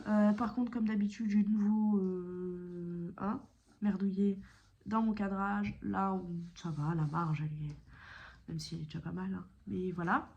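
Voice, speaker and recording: Talking casually about her cross-stitch projects, a woman who makes cross-stitch videos rambles, full of fillers and self-corrections, at times dropping to a whisper. Her medium-pitched voice is steady and measured, and the recording has its highs cut off.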